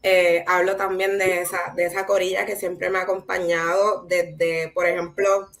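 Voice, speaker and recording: A woman's voice: on the low side, flat delivery, normal speed. Puerto Rican woman, conversational artist talk. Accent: Puerto Rican Caribbean Spanish. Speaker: visual artist, guest speaker.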